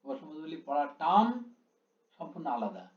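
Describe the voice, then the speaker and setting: A man with a fairly high, sing-song voice briskly teaches a class, explaining step by step and drawing out syllables to show their length. The classroom lecture is recorded in an echoey room with dull lo-fi sound.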